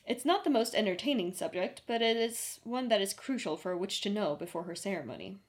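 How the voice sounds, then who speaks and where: A woman's voice: mid-range voice, animated, a little fast, natural voice. A woman voicing a stern older witch who teaches her young relatives in a dry, teacherly way.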